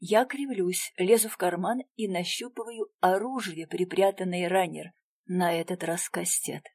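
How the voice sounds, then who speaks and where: A woman's voice: lowish voice, fairly even intonation, measured pace, a little mellow, no echo. Woman reading a tense first-person story. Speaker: audiobook narrator. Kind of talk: first-person audiobook narration.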